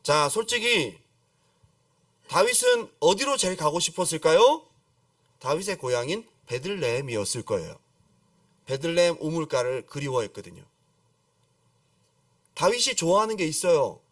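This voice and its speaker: A middle-aged man preaching a lively sermon as a pastor, acting out pleading prayers and calling on the congregation to repeat after him. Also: fairly high pitch, moderate pace, long pauses, no echo, clean studio sound, far from the mic. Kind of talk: lively Friday-service sermon. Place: church sanctuary.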